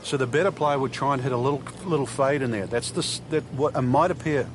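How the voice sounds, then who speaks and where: A man's voice: mid-range voice, fast, close to an everyday voice. A man giving conversational, explanatory golf commentary as the expert analyst. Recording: very noisy outdoor-sounding background.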